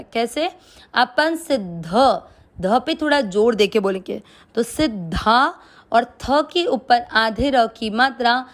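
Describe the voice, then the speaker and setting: A woman teaching Sanskrit verse pronunciation, breaking words into syllables and repeating them patiently. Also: on the high side.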